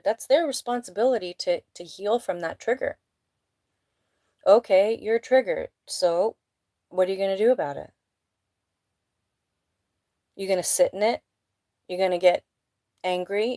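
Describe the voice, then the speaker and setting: A woman's voice: medium pitch, dark tone, no room sound. A woman giving a casual live tarot reading, blunt and emphatic, with a sniffly nose, indoors at home. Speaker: tarot reader.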